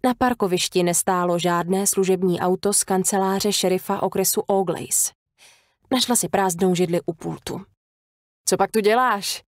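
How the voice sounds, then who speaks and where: A woman's voice: lowish voice, dry recording, clean studio sound. Woman narrating a thriller audiobook. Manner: measured, even storytelling.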